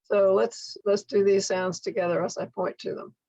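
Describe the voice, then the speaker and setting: An older woman teaching in a slide presentation, speaking slowly and enunciating carefully as she models speech sounds step by step. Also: mid-range voice, steady tone, dark tone, no echo, lo-fi sound. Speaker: workshop instructor for literacy tutors. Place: indoor room at home, video call.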